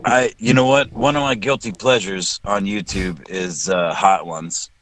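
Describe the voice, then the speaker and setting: Male podcast host, lowish voice, casual swearing chat over a call. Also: steady tone, measured pace, fairly bright tone, slight background noise. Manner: loose, swears, jokes and laughs easily.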